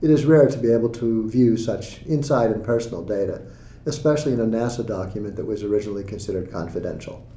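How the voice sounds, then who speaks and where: Deep-toned man, formal auction narration. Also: quick pace, warm tone, echoey room, a little hiss or hum. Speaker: auction announcer. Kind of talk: scripted promotional narration.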